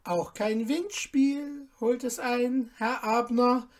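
A woman's voice: a little high, steady tone, slow pace, pitched above the performer's own voice. A woman reading an audiobook and voicing a man, a meek and sly merchant who answers evasively.

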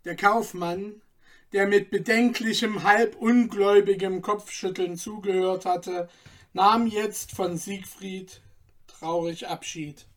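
A woman reading an old storybook tale aloud in a measured, unhurried way. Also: mid-range voice, steady tone. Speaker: narrator.

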